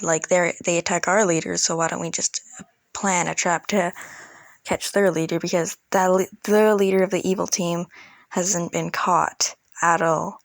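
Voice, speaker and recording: A storytelling video creator with a lowish voice rambles through a casual storytime about an online roleplay game. She talks in informal, youthful slang, and the recording has no echo.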